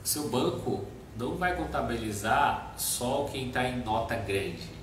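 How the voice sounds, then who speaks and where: A man co-hosting a live stream, explaining step by step with everyday examples in a relaxed chat. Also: medium pitch, measured pace. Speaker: nutrition live stream co-host. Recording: very echoey room, mic at a distance, background noise.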